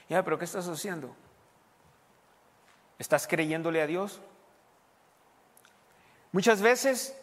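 A male pastor delivers a sermon in a high-pitched, animated voice. He swings between loud emphatic points and soft asides, now and then mixing in English words. The sound carries a long reverb, as in a church hall. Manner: code-switches English words into speech.

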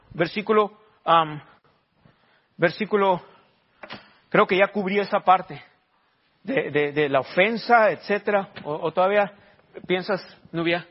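A man's voice: sits high, breathy edge. A man, preaching a sermon and questioning his congregation in emphatic rising bursts. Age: 40s. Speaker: pastor. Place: church. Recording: dull lo-fi sermon recording.

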